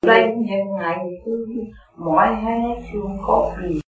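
Older person asking the teacher stuff, halting and tired, far off in an echoey room. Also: medium pitch.

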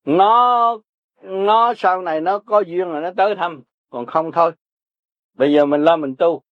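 A man's voice: high voice, a little slow, no room sound. An older man with a Southern Vietnamese accent, giving blunt, repetitive, earthy Buddhist teaching to listeners. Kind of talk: folksy spiritual teaching to listeners. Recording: dry, dull lo-fi recording.

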